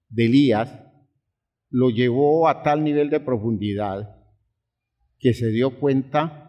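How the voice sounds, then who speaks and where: Slow-preaching pastor, man. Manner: preaching with dramatic swings, from hushed to high, pleading outbursts. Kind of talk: sermon.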